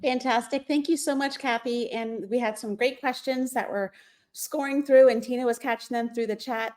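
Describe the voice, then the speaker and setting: A woman's voice: fairly high pitch, fairly even intonation, normal speed, a little mellow. A woman hosting an online event, moderating casually in an upbeat, encouraging way. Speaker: event host. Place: online video call.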